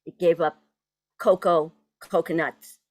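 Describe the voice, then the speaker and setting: Woman, Boston accent, slow and deliberate, lowish pitch, informal online talk with halting delivery. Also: steady tone, a little mellow, no room sound. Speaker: poet introduced as guest speaker. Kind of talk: informal spoken presentation at online event. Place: virtual event on video call.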